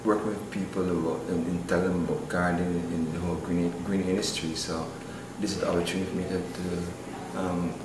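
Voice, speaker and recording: A man from Barbados with a Barbadian accent, answering interview questions in a halting way with fillers and restarts. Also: deep voice, little pitch movement. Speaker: business owner interviewed. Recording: echoey with clear background noise.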